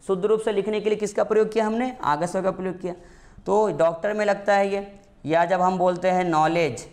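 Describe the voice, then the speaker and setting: A man's voice: sits high, vocal fry. A man teaching a grammar lesson for exam prep, calling his students "beta", asking them questions and answering them himself, and repeating the key points.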